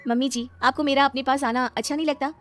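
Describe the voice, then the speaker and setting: A woman voicing a sharp-tongued, stubborn young wife in a comic skit, scolding and insistent. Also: high-pitched, steady tone, fast talker, soft background music, pitched above the performer's own voice, lightly acted.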